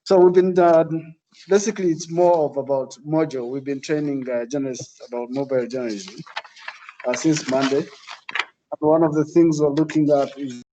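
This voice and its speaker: A man's voice: fairly high pitch, fairly even intonation, normal speed, mellow, dull audio, a little hiss or hum. A man working as an instructor, explaining a training course in a hesitant, piecemeal way. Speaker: journalism instructor.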